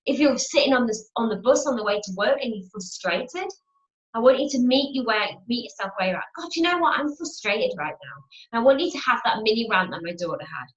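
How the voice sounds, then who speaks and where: A woman's voice: a little high, lively intonation, fast talker. A woman giving a chatty motivational teaching talk as a spiritual teacher, repeating her phrases and acting out inner voices. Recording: roomy, dull lo-fi home video.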